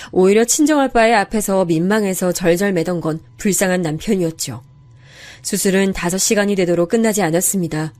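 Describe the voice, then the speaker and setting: A woman recounts a dramatic tale about her own family, speaking in the first person. Her medium-pitched voice stays soft and even, like a storyteller's.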